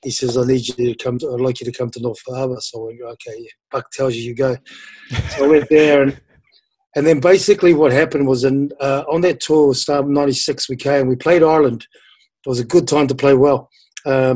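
A former rugby player from New Zealand, a man in his fifties, recounts his career in a rambling interview full of fillers and restarts. His medium-pitched voice is darkish and slightly rough, with no echo.

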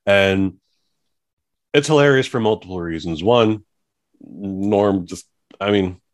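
A man hosting a casual podcast chat, talking in an animated way and acting out scenes he describes. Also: deep voice, slow. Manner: animated, acts out quotes. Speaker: podcast host.

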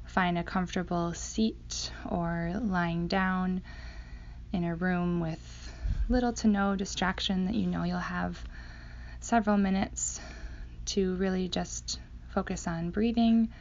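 A woman leading a guided meditation in a slow, hypnotic, soothing manner with long pauses, her voice going breathy at phrase ends. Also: lowish voice, fairly even intonation, a little mellow. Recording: dull sound, faint background noise.

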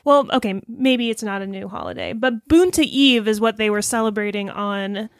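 A woman's voice: medium pitch, big pitch swings, normal speed, dry recording, studio quality. A woman co-hosting a casual podcast chat, upbeat, recapping and reacting. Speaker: podcast co-host.

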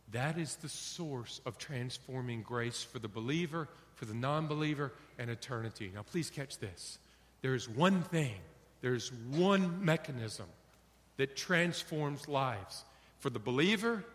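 A middle-aged male pastor preaching a sermon, animated, acting out little dialogues for his congregation. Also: medium pitch, slight background noise. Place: church sanctuary. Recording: long hall reverb.

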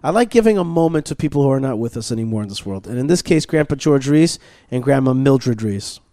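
A man's voice: mid-range voice, animated, fast, mellow, dry recording, studio quality. A man hosting a radio talk show, chatting casually and doing sponsor plugs with many restarts and fillers. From Israel. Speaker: podcast host. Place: studio at a learning center.

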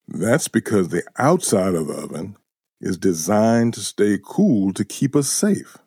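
A man voicing a gentle male bear who calmly explains safety rules to a child in a children's show. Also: on the low side, slightly rough, dry recording, studio quality, exaggerated voice. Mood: patient. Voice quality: slow, calm explaining. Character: gentle male bear friend, patient teacher.

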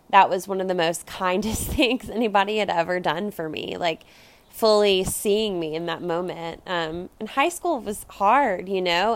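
Sitting on the low side, her voice comes through clear and resonant with no echo. She's a young American podcast host with a Valley Girl accent and lilting uptalk, sharing personal stories casually and confessionally. Her talk is conversational and sprinkled with "like" and "you know."

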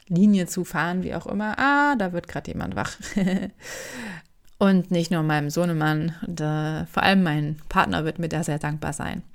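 A woman, hosting her own podcast as a voice coach in a relaxed, chatty way with frequent fillers. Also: low-pitched. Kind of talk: casual solo podcast talk.

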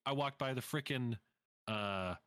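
A man's voice: mid-range voice, unhurried, fairly bright tone, dry recording, studio quality. A man chatting casually as a podcast host, with slangy, swearing bro-talk. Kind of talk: casual chat.

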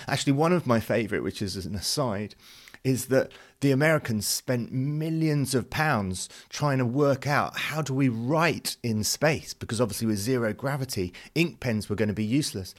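A man from the UK hosting a devotional youth ministry podcast, talking earnestly and conversationally with frequent fillers. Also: medium pitch.

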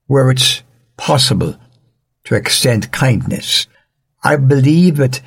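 An older man from Jamaica, giving gentle devotional counsel as a radio Bible teacher, earnest and fatherly with a touch of dry humor. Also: mid-range voice, husky.

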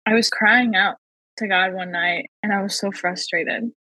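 A woman talking as a podcast guest, sharing a personal faith testimony in an earnest way and slowing down to stress key phrases. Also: mid-range voice, fairly even intonation, pushed and bright, slightly rough, dry recording, rough recording.

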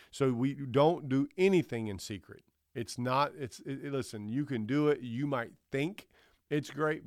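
A man with a gravelly edge preaches, working steadily through numbered points and voicing the people in his story as he goes. The sound is dry and close. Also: medium pitch, dry recording. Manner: emphatic preaching with repeated points and quoted dialogue. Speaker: pastor. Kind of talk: sermon.

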